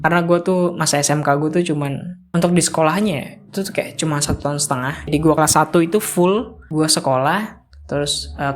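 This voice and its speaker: A twenty-year-old man, talking in an earnest, rambling way, full of filler words, in a reflective vlog monologue. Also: on the high side. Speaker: vlogger.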